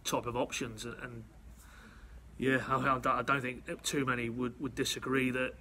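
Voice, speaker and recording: A man's voice: medium pitch, flat delivery, moderate pace, pushed and bright, a little hiss or hum. A man working as a football correspondent, chatting analytically on a podcast and often stumbling over repeated words. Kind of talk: casual football podcast chat.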